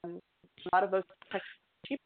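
A woman's voice: medium pitch, little pitch movement, fairly quick. A woman answering over a bad, cutting-out phone connection, hesitant with many ums. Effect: breaking-up bad phone connection. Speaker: guest. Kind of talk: remote interview answers. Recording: tinny cutting-out phone line.

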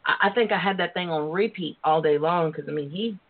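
A woman hosting a flirty, casual online radio talk show, sultry and playful with drawn-out endearments. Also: on the low side. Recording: muffled narrow-band internet radio phone line.

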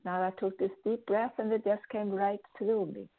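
A woman's voice: medium pitch, fairly even intonation, normal speed. A woman hosting a show and answering listener questions, giving earnest, rambling advice with frequent restarts. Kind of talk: spoken advice talk. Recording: tinny phone-like audio.

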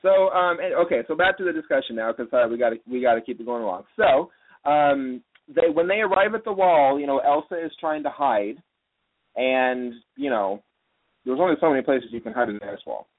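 A man's voice: mid-range voice, animated, fairly quick. A man hosting a casual podcast discussion, recapping the story and steering the talk along. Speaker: podcast host. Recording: phone-like narrow audio.

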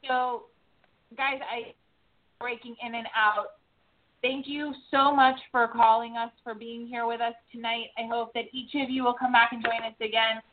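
A woman hosting a live call-in radio show, her phone connection breaking in and out so her phrases come through halting and broken. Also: fairly high pitch, level tone. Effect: choppy phone connection cutting in and out. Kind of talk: casual live call-in chat. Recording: tinny phone line.

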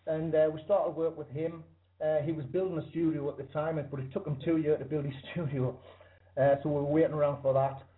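A man's voice: on the high side, level tone, fairly quick, narrow, tinny audio. A man with a British accent, a musician giving a casual call-in interview. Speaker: interview guest, band musician. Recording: thin internet call line.

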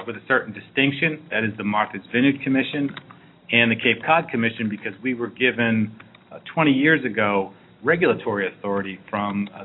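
A man explaining things as an interview guest in a measured way. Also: medium pitch. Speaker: interview guest, regional planning director. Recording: narrow muffled phone-like sound with faint noise.

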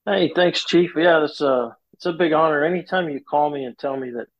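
A man's voice: a little high, brisk. A man chatting casually as a guest co-host on a podcast. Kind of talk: casual chat. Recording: slightly muffled podcast audio.

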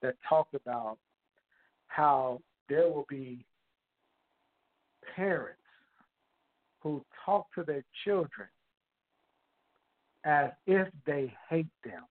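A man talks over the phone on speakerphone, tucked away in a bathroom. His speech is halting and full of repeats. The line sounds thin and tinny, and his voice sits a little high. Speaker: caller in a prayer group. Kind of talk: casual church prayer-call sharing.

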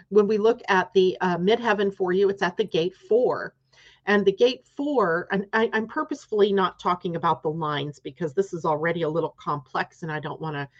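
Low-voiced woman explaining a chart. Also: muffled recording. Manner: explanatory, often tags "right?". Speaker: astrology host. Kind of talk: live-streamed chart reading.

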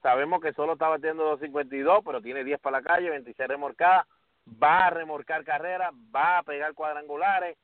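Animated man on a tinny phone line. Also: a little high, quick pace, dry recording. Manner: animated, addresses co-host by name often. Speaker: sports podcast host. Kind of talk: casual sports talk.

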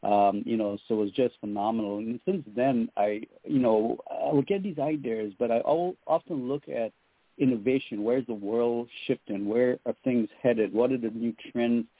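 A man's voice: medium pitch, moderate pace, no room sound. Middle-aged male radio guest calling in on a dry, tinny line; earnest, faith-driven, filler-heavy. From Trinidad and Tobago. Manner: earnest, spiritual, with many fillers. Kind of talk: radio interview.

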